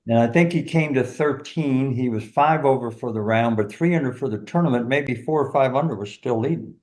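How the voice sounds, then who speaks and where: Older man telling lively golf stories. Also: medium pitch, brisk. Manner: animated, laughs through stories, many "you know"s. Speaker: golf teacher and former caddie, guest. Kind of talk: anecdotal storytelling in an interview.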